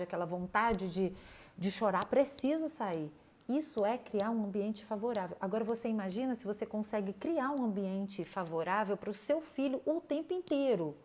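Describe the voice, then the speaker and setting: An older woman with a Brazilian Portuguese accent, talking casually and earnestly to viewers, repeating words and pausing with fillers. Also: a little high, darkish tone. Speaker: body analysis therapist.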